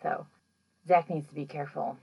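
A woman's voice: deep voice, moderate pace, vocal fry, breathy edge, low-quality recording. A woman hosting a podcast, recapping a paranormal show in a casual, rambling way, with lots of "like" and "you know.". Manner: chatty, rambling, heavy use of "like" and "you know"; animated when acting out moments.

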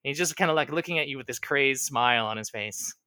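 A man's voice: mid-range voice, fast, bright, forceful tone, clean tone, no echo, clean studio sound. A man narrating as game master of a tabletop game, rambling along with fillers and self-corrections.

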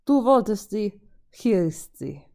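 A woman's voice: medium pitch, very animated, slow, darkish tone. A woman reading the lines of a scornful young woman with powers in a German fan-fiction story.

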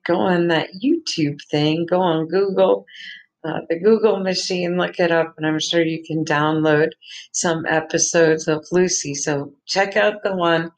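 A middle-aged woman rambling in a chatty, self-deprecating solo monologue, with a flat, monotone way of speaking. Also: lowish voice, poor audio.

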